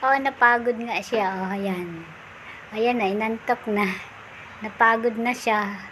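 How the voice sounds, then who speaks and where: A woman's voice: mid-range voice, fairly even intonation, slow pace, fairly bright tone, rough recording. A woman vlogger casually narrating what her dog is doing, now and then calling to it in a cooing, sing-song voice. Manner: coos and calls to her pet in a sing-song voice. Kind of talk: casual running commentary. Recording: audible background noise.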